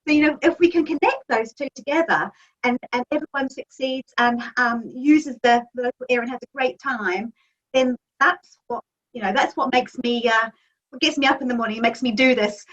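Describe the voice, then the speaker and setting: This woman has a high-pitched, fairly bright voice and talks at normal speed. A magazine editor from New Zealand, she answers an interview eagerly with lots of ums, from a home office over distant, dull lo-fi call audio.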